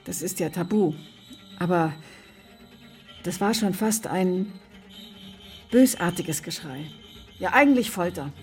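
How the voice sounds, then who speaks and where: A woman's voice: lowish voice, expressive, takes it slowly, pauses often, a little mellow, faint music behind. A defensive, indignant mother. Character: defensive, self-righteous mother arguing with her daughter. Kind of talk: radio play acting.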